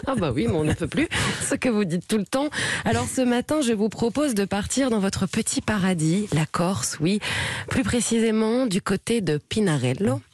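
A woman's voice: mid-range voice, animated, normal speed, darkish tone, husky, no room sound. Woman reading a playful radio portrait. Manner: teasing, playful delivery. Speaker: radio columnist. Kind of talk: scripted portrait of a guest, read on air. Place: radio studio.

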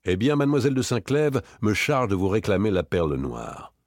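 A man's voice: on the low side, very animated, brisk, a little mellow, no room sound, clean studio sound. A man voicing a cold, relentless former police inspector, talking dryly, hard and with precision. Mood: accusing.

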